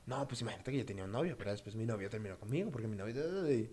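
A man's voice: on the low side, rapid-fire. A man co-hosting a podcast, chatting casually and telling jokey stories. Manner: animated, joking storyteller. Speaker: podcast co-host. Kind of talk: casual chat.

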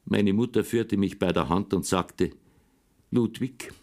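Low-voiced male audiobook narrator. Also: moderate pace, a little mellow. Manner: storytelling a boy's first-person tale. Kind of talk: scripted narration.

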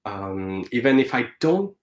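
A man's voice: mid-range voice, big pitch swings, measured pace, reverberant. A man in his thirties from France with a French accent, speaking casually as an interview guest, hesitant with many fillers and restarts. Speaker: guest animator.

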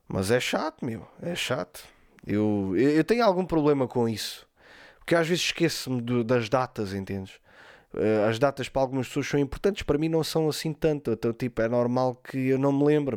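A man's voice: mid-range voice, smooth, no room sound, clean studio sound. Young Portuguese guy telling funny stories. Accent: European Portuguese. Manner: laughs often, rambling, slangy and animated. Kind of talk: comic storytelling monologue.

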